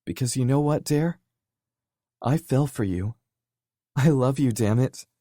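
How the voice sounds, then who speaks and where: A man's voice: mid-range voice, a little slow, dark tone, dry recording, studio quality, pitched above the performer's own voice, close to an everyday voice. A man voicing a guarded, heartbroken young woman confessing her love in an audiobook, pleading and emotional. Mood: hurt, pleading.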